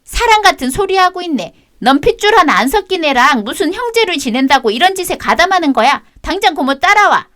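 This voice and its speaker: A woman's voice: extremely high pitch, very animated, brisk, few pauses, fairly bright tone, full character voice. A woman voicing a spiteful, bossy middle-aged sister-in-law in a radio drama, sneering and scolding.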